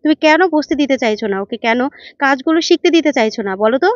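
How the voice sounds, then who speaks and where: Earnest pleading young woman read by a woman, high pitch, dry flat sound. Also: fast talker, no room sound. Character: level-headed young woman, pleading and firm. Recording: dull dry lo-fi recording.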